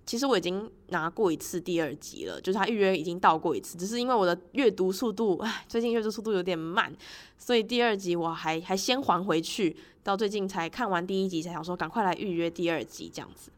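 A woman podcast host with a lowish voice talks quickly in a casual, expressive personal monologue, sharing her own reactions and laughing often as she goes.

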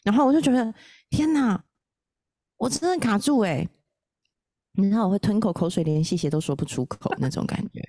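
A woman hosting a podcast, talking in a giggly, self-deprecating, animated way. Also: mid-range voice, fairly quick, pauses often, no room sound, studio quality. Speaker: podcast host, astrologer. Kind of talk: casual podcast chat.

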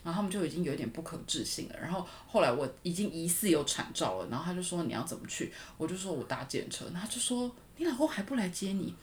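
Woman, 30s, podcast co-host; fast, lively storyteller. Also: fairly low pitch, a little hiss or hum. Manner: animated storytelling with frequent laughter. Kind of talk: casual chat.

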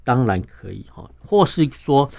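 This interview guest, a defense journalist speaking with a Taiwanese Mandarin accent, walks through his points steadily and patiently, dropping little filler particles into his sentences. His pitch is medium, his pace moderate, and his voice has vocal fry. There is no room sound.

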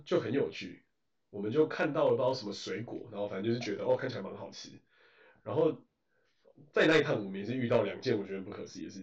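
A man with a Taiwanese Mandarin accent telling a story in casual chat, animated, swearing and mixing in English phrases. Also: mid-range voice. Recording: roomy, distant, dull lo-fi.

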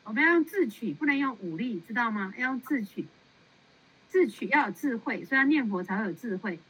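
A woman nun counseling a follower in a casual, animated way, laughing often and repeating words for emphasis. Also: fairly high pitch, brisk, slightly rough. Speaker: Buddhist nun giving counsel. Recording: muffled lo-fi sound.

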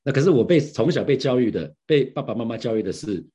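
A man's voice: medium pitch, expressive, fast talker, warm tone, slightly rough, muffled recording. A middle-aged man sharing a devotional Bible reflection as a pastor, earnest and conversational, often asking his listeners questions.

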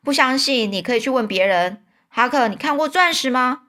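A woman reading aloud as an eager, boastful storybook boy full of big plans. The voice is fairly high and bright with excitement, with a lilt. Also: normal speed.

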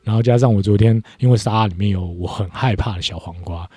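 Husky low-voiced man in casual chat. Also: fast talker, no echo. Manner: reflective, animated when retelling conversations. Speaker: podcast co-host.

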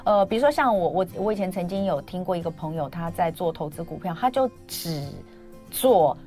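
Fast-talking Taiwanese Mandarin woman host. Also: on the low side, lively intonation, mellow, faint music behind. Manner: quick, probing questions with frequent agreeing murmurs. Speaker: radio show host. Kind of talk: radio talk interview.

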